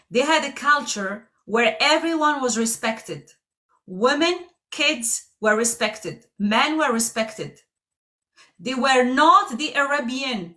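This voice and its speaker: An Algerian woman hosts a heated live debate stream, her voice on the high side with a sharp tone. She is pointed and insistent, cutting in often.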